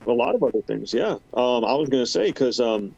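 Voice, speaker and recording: A man's voice: mid-range voice, big pitch swings, fairly quick, vocal fry, darkish tone, slightly rough, muffled recording. A man as a podcast guest, speaking hesitantly with many fillers and restarts. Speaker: podcast guest, former team member. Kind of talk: casual podcast chat.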